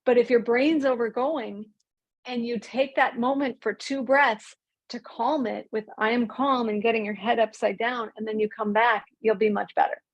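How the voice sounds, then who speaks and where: A woman teaching an online mindfulness class, speaking calmly and drawing out key words slowly. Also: on the high side, dull audio. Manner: calm, slows and stretches key words. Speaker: mindfulness coach.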